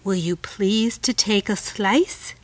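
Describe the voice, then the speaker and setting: A woman voicing a cunning, sweet-talking male spider in a storybook reading, with a low, hushed, coaxing manner. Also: takes it slowly, no echo, recorded from a distance.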